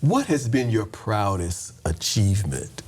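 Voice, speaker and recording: A man interviewing a teacher, asking wordy questions in a measured, encouraging way. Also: on the low side, sing-song, darkish tone, slight background noise.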